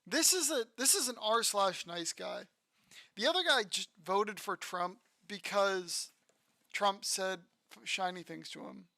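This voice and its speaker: Gravelly, muttering woman gamer. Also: mid-range voice, measured pace, bright, forceful tone, no echo, studio quality. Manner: muttering, profane, sardonic. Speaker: streamer. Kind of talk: casual gameplay commentary.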